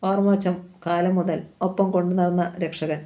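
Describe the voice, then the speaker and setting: A woman reading a novel aloud in a calm, even voice. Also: on the low side, moderate pace, muffled recording. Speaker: novel reader.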